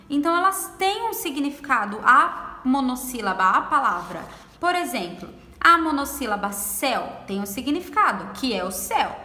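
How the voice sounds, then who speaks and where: A woman teaching a grammar lesson in a high, lively voice that rises and falls a lot. She draws out example words slowly and checks with her listeners as she goes. The room is echoey, with a long reverb. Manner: slow, drawn-out pronunciation of example words; explains patiently and checks understanding with questions. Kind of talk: Portuguese language lesson.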